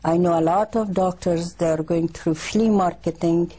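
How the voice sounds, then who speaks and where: A middle-aged woman from Afghanistan, a community counselor, answering an interview in halting, simple phrasing. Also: fairly low pitch, fairly even intonation, dark tone, husky.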